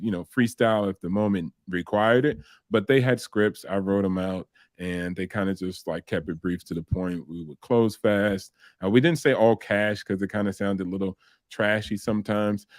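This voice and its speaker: A man with a fairly low voice, talking casually as an interview guest. He tells his stories with energy, slipping into the voices of the people he quotes. The sound is dry and close. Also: no room sound. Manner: animated storytelling, acts out quoted voices with laughs. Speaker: interview guest, combat veteran in real estate.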